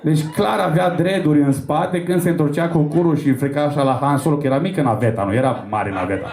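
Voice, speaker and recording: A man's voice: fairly high pitch, a little mellow, reverberant. A man from Romania doing a stand-up set, telling crude, rambling and profane stories on a comedy club stage.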